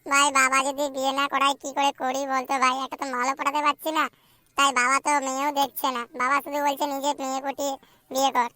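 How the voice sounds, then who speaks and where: A woman's voice: sits high, flat delivery, sharp tone, no echo. A woman voicing a whiny, crude young unmarried man in a cartoon, chattering and complaining. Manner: fast complaining chatter, full of swearing. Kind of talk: cartoon voice acting.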